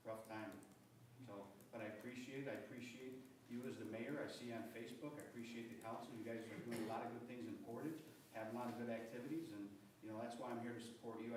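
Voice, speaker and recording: A man giving public comment at a council meeting, indignant and halting, often repeating words. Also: fairly low pitch, background noise. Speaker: public commenter, state representative. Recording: very echoey room, speaker far from the mic.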